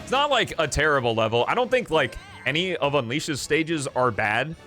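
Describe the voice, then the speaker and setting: In a small room lined with acoustic foam, a young man chats on a live stream over music, loud and rambling, full of fillers and jokes. His fairly high voice has a sing-song lilt and moves at a normal speed.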